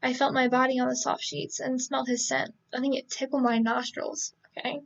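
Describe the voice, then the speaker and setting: A woman's voice: high voice, flat delivery, brisk, vocal fry, lo-fi sound. A woman reading a novel aloud on a casual live stream, stumbling, correcting herself and adding joking asides.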